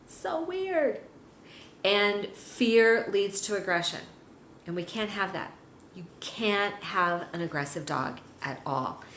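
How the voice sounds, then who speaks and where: A middle-aged woman teaching dog owners in a chatty, upbeat way, now and then acting out her pets' reactions. Her voice carries a roomy echo with a faint hiss behind it. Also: on the low side. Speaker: dog trainer. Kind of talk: instructional talk to dog owners.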